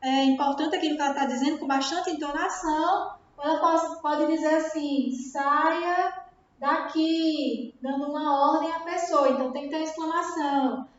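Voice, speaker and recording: A woman's voice: high voice, fairly even intonation, fairly quick, few pauses. A woman with a Brazilian Portuguese accent, teaching a grammar lesson and often checking understanding with tag questions. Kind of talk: recorded classroom lesson. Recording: very echoey room, dull sound.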